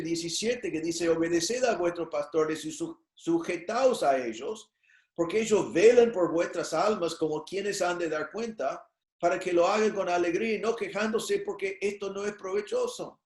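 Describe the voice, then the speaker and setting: A male pastor preaching a sermon in an animated way, acting out the voices of the people he quotes. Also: sits high, moderate pace, roomy sound. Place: church.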